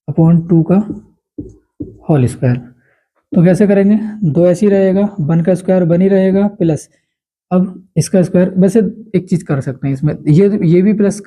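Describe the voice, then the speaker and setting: A man's voice: high-pitched, warm tone, rough recording. A man teaching a school maths lesson step by step, patiently repeating the key steps.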